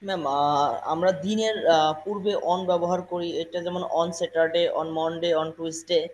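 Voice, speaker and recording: A man's voice: on the high side, fairly even intonation, a little slow, dull audio, a little hiss or hum. A man with a Bangladeshi accent, a student answering his teacher's questions hesitantly in class. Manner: hesitant, many fillers.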